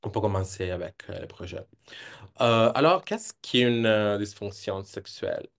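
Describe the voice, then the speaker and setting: A man's voice: fairly low pitch, animated, measured pace, creaky. A young man with an Italian accent in his non-native French, presenting research hesitantly and searching for words. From Italy. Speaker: PhD candidate presenting research.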